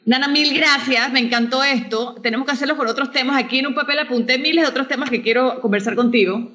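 A woman hosting a relaxed podcast chat. She backs up her guest's points, restates them in her own words and steers the talk toward its close. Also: high-pitched, fast. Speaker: podcast host. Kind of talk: casual podcast conversation.

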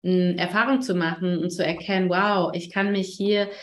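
Woman hosting a chat, lowish voice, gentle and affirming, lots of "ne?". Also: fairly even intonation, moderate pace. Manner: gentle, reflective, affirming with frequent "ne?". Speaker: podcast host. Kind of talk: warm interview conversation.

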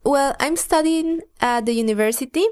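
High-voiced woman, learner. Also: unhurried, a little mellow. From Mexico. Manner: playful, repeats phrases as learner. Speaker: co-host and student. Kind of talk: scripted lesson dialogue.

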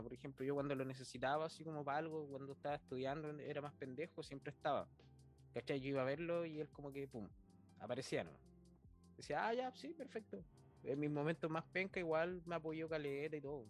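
A young man with a Chilean accent chatting casually in a laid-back, slangy way. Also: on the high side. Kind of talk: casual chat.

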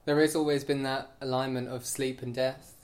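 A man co-hosting a podcast in casual chat, making quick joking remarks. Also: medium pitch, little pitch movement, darkish tone. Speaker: podcast co-host.

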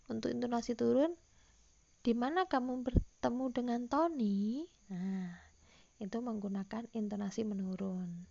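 Lady teacher explaining stuff to kids in an online class, kinda high, gravelly voice. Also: darkish tone, highs cut off. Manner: patient explaining, reads example questions aloud. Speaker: primary school teacher. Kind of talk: recorded online class lesson.

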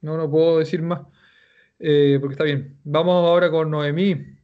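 A man with a Chilean accent, teaching Japanese and giving relaxed, joking feedback in an online class. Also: fairly high pitch, normal speed, phone-quality sound. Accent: Chilean Spanish.

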